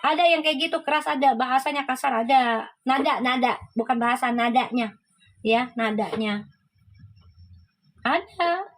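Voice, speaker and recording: Woman, livestream host, high voice, casual chat, reacts to comments, laughs often. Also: normal speed, long pauses, rough recording.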